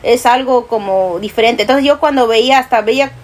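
A woman's voice: on the high side, brisk. A woman from Peru with a Peruvian Spanish accent, co-hosting a casual podcast chat and telling stories while acting out the quotes. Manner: animated storyteller, acts out quotes, laughs often. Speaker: podcast co-host.

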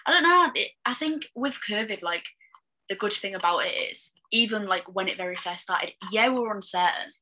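A young woman from England co-hosting a podcast with her partner, chatting casually with blunt, quick remarks. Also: medium pitch, expressive, pushed and bright. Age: young adult. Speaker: podcast co-host. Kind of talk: casual couple chat.

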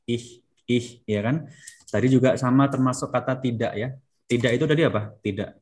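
A man's voice: medium pitch, fairly quick, darkish tone. A man teaching a German class, patiently prompting students to say words back. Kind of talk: classroom language lesson.

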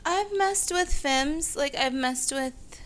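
A woman co-hosting a podcast in casual chat, blunt and quick to laugh. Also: high-pitched, fairly bright tone, a little hiss or hum. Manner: blunt, laughing, slow-drawling. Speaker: podcast co-host.

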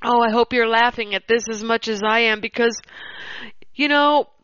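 A woman hosting, reading an opinion article aloud in a measured, deliberate way. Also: on the high side, fairly bright tone, clear, resonant tone, dry recording. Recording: dull, slightly lo-fi dry recording.

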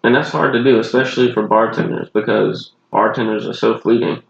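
A man's voice: medium pitch, steady tone, brisk, creaky, echoey room, muffled recording. A man with a Southern accent and a groggy voice, a bartender co-hosting a podcast and rambling casually about his work. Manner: rambling, loose, swears casually. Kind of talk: casual chat.

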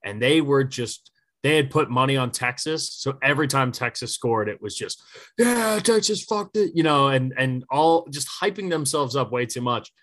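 A man chats about college football on a podcast, in a loose, storytelling way. His voice is bright and forward. He swears freely and acts out the lines of people in his stories. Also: medium pitch, normal speed. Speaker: podcast co-host. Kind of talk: casual sports podcast chat.

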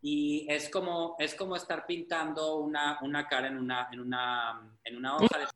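A man's voice: on the high side, little pitch movement, moderate pace, a bit bright, reverberant. A man, a drag performer chatting casually, meandering with frequent restarts. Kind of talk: casual chat.

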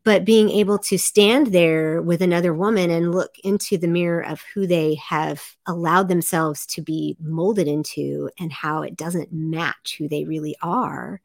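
A middle-aged woman speaking earnestly as a podcast guest, acting out quotes in a lively way. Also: measured pace, creaky, few pauses, dry recording, studio quality. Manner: earnest, animated, acts out quotes with big pitch jumps. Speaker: podcast guest, life coach. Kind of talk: casual interview chat.

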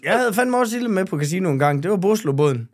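A man's voice: sits high, animated. A man, a guest on a podcast, telling stories about himself in a laid-back, self-mocking way with chuckles. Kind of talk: casual storytelling chat.

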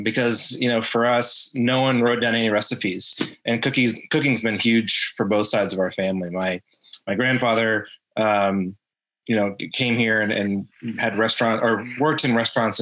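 A man from Atlanta, a brewery co-founder and guest, telling his story in a relaxed way with frequent ums. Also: fairly low pitch, low-quality recording. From Atlanta, Georgia. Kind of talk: casual interview chat.

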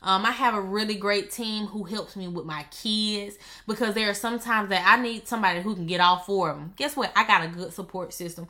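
Woman, business coach, casual live-stream talk, bright tone, emphatic, playful, slangy. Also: medium pitch, steady tone, a little fast, hardly any pauses. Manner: emphatic and playful, repeats phrases for effect; slangy, conversational delivery.

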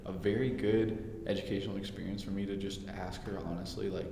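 A young adult man co-hosts a podcast, chatting casually and candidly in a very echoey, hard-walled room with faint noise. His voice is low, level and creaky, and he talks a little fast.

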